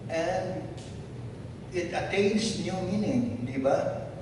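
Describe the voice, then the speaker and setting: An older Filipino man in his seventies talks slowly and reflectively, offering fatherly advice to former students. His voice sits slightly high. He is heard from a distance in a large, echoing hall, with noticeable background noise and rumble. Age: 70s. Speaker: former teacher at a class reunion. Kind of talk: heartfelt speech to former students. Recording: echoey hall from far off, noisy.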